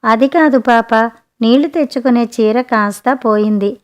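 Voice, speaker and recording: A woman's voice: fairly high pitch, normal speed, close to an everyday voice. A woman reading a storybook voicing a naive, timid young wife who pleads plaintively. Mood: tearful.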